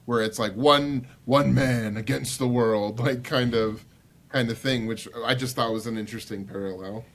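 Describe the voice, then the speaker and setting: Low-voiced man chatting loosely. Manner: loose, meandering, many "like" fillers. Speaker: podcast co-host. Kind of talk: casual chat.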